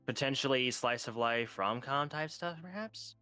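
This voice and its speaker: A man joining a stream over a voice call, chatting with quiet enthusiasm and stumbling repeats. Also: mid-range voice, normal speed, clean tone, no room sound, faint music behind. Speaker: guest on a voice call. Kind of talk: casual stream chat.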